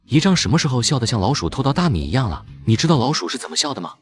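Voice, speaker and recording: A man playing a young uncle, a company boss, who teases a little boy in an animated drama. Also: medium pitch, racing, close to an everyday voice. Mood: teasing. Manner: playful teasing.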